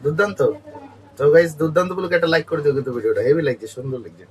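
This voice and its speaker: Young male vlogger, hoarse from a cold, rattles along at breakneck speed in a slightly high voice, chatty to camera. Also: animated, very fast. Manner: chatty, keeps talking straight to viewers. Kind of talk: casual daily vlog. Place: at home, indoors.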